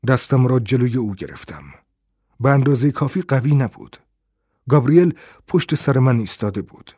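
A man narrating a first-person detective novel in a steady storytelling manner. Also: medium pitch, breathy edge, dry recording, studio quality. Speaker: audiobook narrator.

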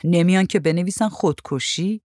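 A woman voicing a playful, teasing young married woman in a storybook reading, pitched up and exclaiming. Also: a little mellow, no echo, clean studio sound, lightly acted. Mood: wry.

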